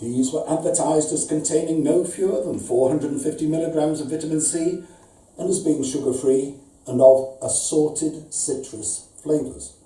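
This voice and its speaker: Lightly acting, a man reads out a formal, long-winded complaint letter in the voice of a pompous, pedantic, aggrieved customer, a comic story performed before an audience in an indoor arts venue. His voice is slightly high and warm at normal speed, precise and mock-serious, and the live recording sounds roomy and distant.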